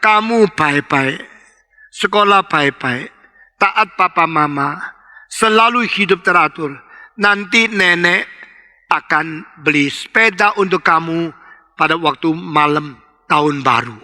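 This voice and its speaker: A man voicing an old grandmother who coaxes a child softly and slowly. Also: fairly high pitch, long reverb tail, voice pushed down, full character voice. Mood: coaxing. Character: old grandmother promising a gift.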